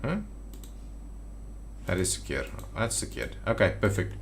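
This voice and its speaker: Sitting indoors at his computer, a fairly low-voiced man hosts a gameplay video, casually muttering and reasoning aloud as he works. He sounds very animated and talks a little slowly, while keyboard clicks and faint background noise linger underneath.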